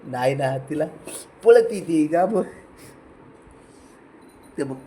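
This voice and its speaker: Man, slightly high voice, coaxing and teasing his cat at home on a phone video, faint room noise behind. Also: animated, slow, dark tone. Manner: coaxing, teasing, repeats calls. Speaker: cat owner filming his pets. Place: indoors at home.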